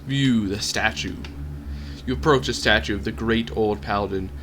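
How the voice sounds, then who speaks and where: Bright-voiced man reading game text. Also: fairly low pitch, moderate pace, a little hiss or hum. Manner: narrates in a storybook cadence, puts on voices for quotes. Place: home streaming setup.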